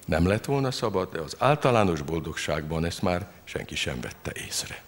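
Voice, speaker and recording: A man reading his satirical story aloud in a dry, deadpan way. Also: low voice, very noisy. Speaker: reader of his own humorous story.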